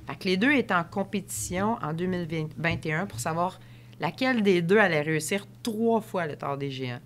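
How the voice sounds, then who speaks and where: A woman with a Québécois accent, a podcast guest telling stories in a lively, excitable way and laughing often. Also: fairly low pitch, a little fast, a little hiss or hum. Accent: Québécois French. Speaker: podcast guest, ultramarathon runner. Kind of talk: animated storytelling in conversation.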